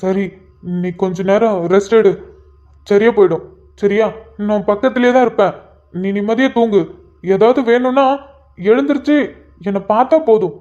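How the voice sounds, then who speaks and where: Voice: medium pitch, normal speed, long pauses, darkish tone, muffled recording, lightly acted. A young husband in a cartoon, fretful and pleading, who keeps repeating himself. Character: devoted, worried young husband. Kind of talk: cartoon voice acting.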